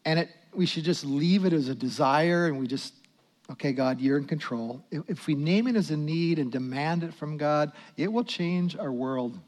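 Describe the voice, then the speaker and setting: A male pastor preaching a sermon, swinging from loud emphatic lines to hushed prayerful asides. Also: on the high side, normal speed, few pauses.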